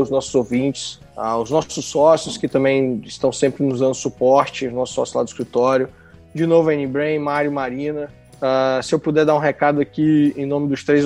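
Here a podcast co-host with a Bahian Brazilian Portuguese accent keeps things informal and full of slang. His mid-range voice carries a darkish tone.

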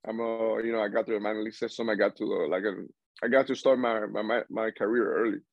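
The audio is dull with no room sound as a young man from Cuba talks fast in a fairly low, steady voice. He's a baseball player being interviewed casually, and his talk wanders with frequent restarts and bursts of laughter.

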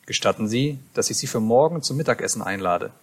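A man's voice: lowish voice, lively intonation, fast talker, breathy edge. A man reading aloud and voicing an overly polite, apologetic male shopkeeper from Paris in a raised, fuller voice. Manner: fussy, profusely apologetic.

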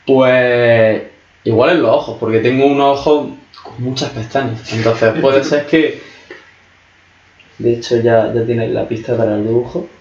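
A man's voice: medium pitch, normal speed. A young man chats casually, loose and jokey, with swearing sprinkled through his talk. His voice sounds dull and lo-fi, in a room that echoes. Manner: relaxed, joking, swears often. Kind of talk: casual chat.

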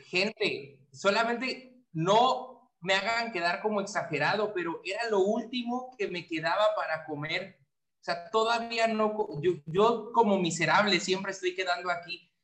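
A man telling his side of a story in casual chat, in a self-pitying, animated way. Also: high-pitched, unhurried.

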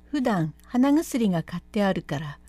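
A woman reading aloud a classic spoken storytelling text in measured, old-fashioned narration. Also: medium pitch, sing-song, warm tone, dry recording.

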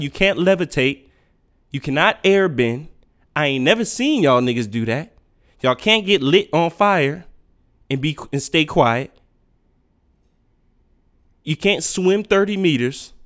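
A man's voice: sits high, fairly bright tone. Profane ranting man with a swooping voice. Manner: profane, blunt, lecturing. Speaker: podcast host. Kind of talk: unfiltered solo rant.

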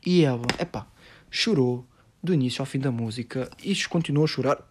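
A man's voice: medium pitch, fairly quick, slight background noise. A man with a European Portuguese accent hosting a solo podcast, ranting sarcastically and profanely about a TV show. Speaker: podcast host.

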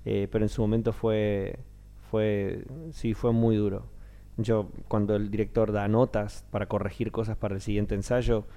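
A man's voice: lowish voice, normal speed. A man in his thirties, a stage actor with a Rioplatense Spanish accent, talking casually in an interview and acting out the voices of people he quotes. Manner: animated storyteller, acts out quoted voices.

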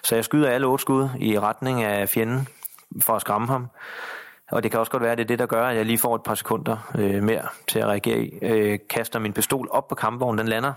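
Lower-voiced man recounting combat, halting. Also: steady tone. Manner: halting, many fillers and restarts. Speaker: interview guest, soldier. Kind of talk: personal war account in interview.

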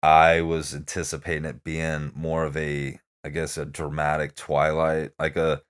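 Very low-voiced man rambling through a review. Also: monotone, clear, resonant tone. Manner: rambling, halting, many fillers. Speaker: podcast movie reviewer. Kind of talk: casual chat.

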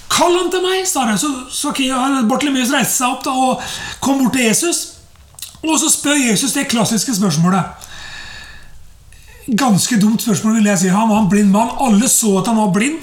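A woman with a fairly high voice preaches a relaxed, conversational sermon. She talks loosely and casually, with lots of fillers and rhetorical asides. The room around her is echoey.

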